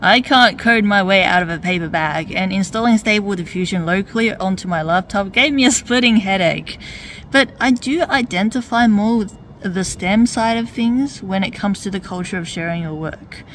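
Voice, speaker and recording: A woman delivering a point-by-point rebuttal in a wry, needling way, stacking up rhetorical questions. Her voice sits at an ordinary middle pitch and is mostly plain, rising in emphasis on her key points. A faint hiss of noise runs under the recording. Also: normal speed, fairly bright tone. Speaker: video essayist. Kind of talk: argumentative commentary.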